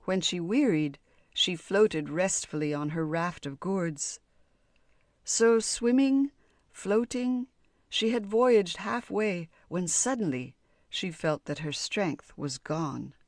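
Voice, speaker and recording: Slow, calm woman reading a fairy tale. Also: on the low side, no room sound, studio quality. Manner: calm, measured, storybook reading. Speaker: audiobook narrator. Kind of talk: scripted fairy tale narration.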